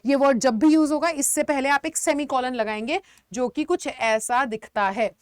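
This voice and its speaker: A woman teacher explaining vocabulary in an online lesson, mixing Hindi with words and giving lively examples. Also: sits high, moderate pace, clean tone, dry recording, clean studio sound. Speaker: English teacher.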